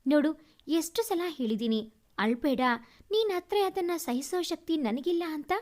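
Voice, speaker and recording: Woman reading as a gentle young husband. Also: sits high, lively intonation, moderate pace. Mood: tender, coaxing. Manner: earnest, reassuring.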